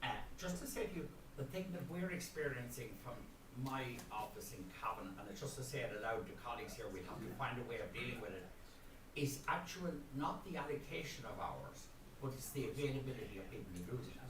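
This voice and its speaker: A man's voice: medium pitch, lively intonation, brisk. A man with an Irish accent, making an informal comment from the floor at a public meeting. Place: hotel function room at a public event. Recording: echoey room, distant mic, clear noise.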